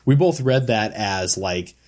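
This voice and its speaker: A man co-hosting a podcast in a basement studio, telling stories in a lively, self-mocking way. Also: fairly low pitch, a little slow. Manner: animated storyteller, self-mocking. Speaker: podcast co-host. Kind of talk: casual podcast chat.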